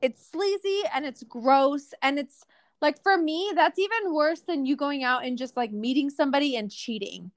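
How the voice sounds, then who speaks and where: Woman, young adult, podcast co-host, high voice, dry close sound, chatty and animated. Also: moderate pace, no room sound. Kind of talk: casual podcast chat.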